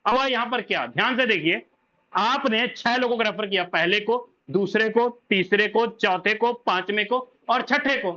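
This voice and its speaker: Male presenter with a sharp, bright tone and muffled sound, walking through a referral plan and repeating points. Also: high-pitched, moderate pace. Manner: repetitive, asks and answers own questions. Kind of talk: explaining a referral income plan. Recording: dull lo-fi audio.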